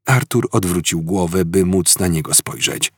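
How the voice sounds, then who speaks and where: A man narrating an audiobook in a lively, expressive reading. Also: low-pitched, moderate pace, slightly rough, no echo, clean studio sound.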